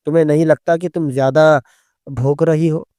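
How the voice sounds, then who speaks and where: A man voicing an impatient young husband who scolds in a hurried, hushed way within a story reading. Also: on the high side, fairly even intonation, dry recording, clean studio sound, lightly acted. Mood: scolding.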